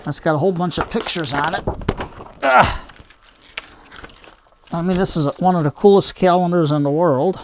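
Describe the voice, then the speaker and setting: A man's voice: high voice, moderate pace, long pauses. An older man hosting a hobby gardening video, chatting casually in a homespun, rambling way as he demonstrates by hand. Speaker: bonsai hobby video host.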